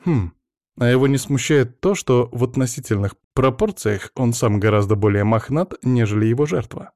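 A man reading a science-fiction audiobook in a lively, expressive way. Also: mid-range voice, moderate pace, no echo, studio quality. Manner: lively, voices many characters. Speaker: audiobook narrator.

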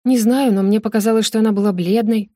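A woman's voice: medium pitch, fairly even intonation, quick pace, dark tone, no echo, studio quality, lightly acted. A woman voicing a timid young cook's helper girl, hesitant in manner.

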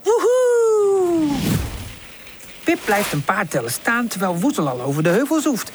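A woman narrating a children's storybook in a calm, gentle reading voice. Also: medium pitch, fairly quick, slight background noise. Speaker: audiobook narrator.

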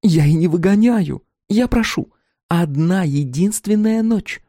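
A man's voice: sits high, a little slow, mellow, no room sound, clean studio sound, pitched above the performer's own voice. A man voicing a carefree, playful young woman who talks in a wheedling, theatrical way.

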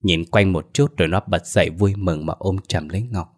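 A man's voice: sits low, fairly even intonation, fairly quick. A man narrating a folk horror story in a plain, earthy storytelling manner.

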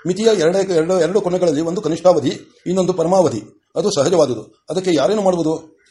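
Calm ancestral spirit guy explaining limits, man reading, mellow, kinda high. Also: fairly quick, natural voice. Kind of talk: audiobook reading of a novel.

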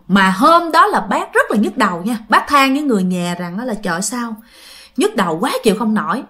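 Chatting casually, a woman shares a ghost story in a Southern Vietnamese accent, often turning to address her listeners and performing the lines she quotes. She speaks at a medium pitch with a slightly bright tone.

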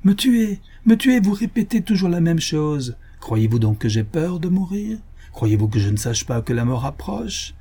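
A demanding, irascible old baronet on his deathbed, voiced by a male audiobook reader in a mellow, husky tone pushed higher and louder. He presses his demands and flares into angry orders, a storybook drunkard used to being master in his own house. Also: big pitch swings, normal speed, heavily acted. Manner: insistent and commanding, rising to angry outbursts.

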